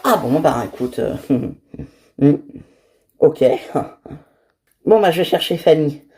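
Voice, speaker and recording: A woman's voice: low-pitched, slow. [name], a woman doing a chatty teasing young woman. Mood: casual. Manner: lively, teasing, casual. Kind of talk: toy figure series voice acting.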